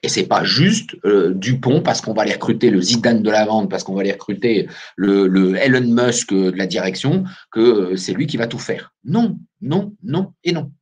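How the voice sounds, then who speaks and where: A man with a lowish, husky voice presents a business webinar as a recruiter, speaking at a moderate pace with hardly any pauses. Over a video call mic, he talks animatedly and puts questions straight to his listeners in lively business-webinar style.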